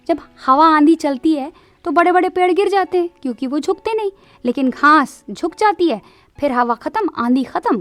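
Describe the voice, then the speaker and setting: A woman's voice: high voice, no room sound. A woman doing Neelima, a cheerful, advising friend. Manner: coaxing, lively, persuasive. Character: wise, cheerful married woman friend giving advice.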